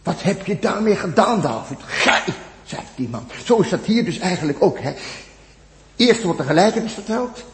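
High-voiced preacher in a reverberant hall. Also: male voice, lively intonation, moderate pace, background noise. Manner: emphatic preaching, repeats phrases, sudden loud peaks and near-whispered drops. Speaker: pastor. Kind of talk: sermon.

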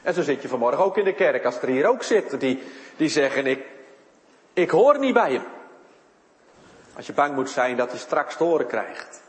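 A man's voice: medium pitch, brisk, roomy sound, in a large hall. A man preaching a sermon in church, his voice rising and falling for emphasis. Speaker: pastor.

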